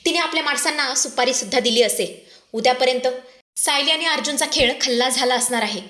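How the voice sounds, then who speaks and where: A woman voicing a scheming middle-aged male villain who calmly reassures his partner. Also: high voice, fairly quick, reverberant. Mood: reassuring.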